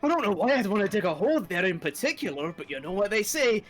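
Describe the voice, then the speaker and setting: A man cracking quick jokes while playing a party game with friends. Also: sits high, big pitch swings, a bit bright, faint music behind. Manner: jokey, quick quips. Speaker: player. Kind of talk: casual game chat.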